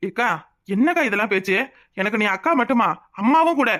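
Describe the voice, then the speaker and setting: A woman voices a hot-tempered young village man in a cartoon, fiercely protective of his family and vengeful. He speaks in a high, bright, fast voice. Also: lively intonation. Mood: hurt. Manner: fiery, vengeful. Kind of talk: cartoon voice acting.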